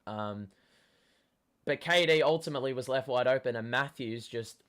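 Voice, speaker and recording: A young man hosts a live basketball watchalong, swearing often and yelling at the big plays. His medium-pitched voice goes hoarse and cracks.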